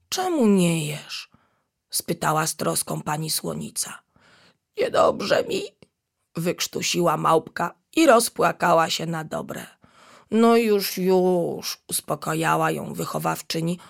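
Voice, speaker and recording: A woman reading a children's storybook aloud, expressive and gentle. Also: deep voice, creaky. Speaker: narrator.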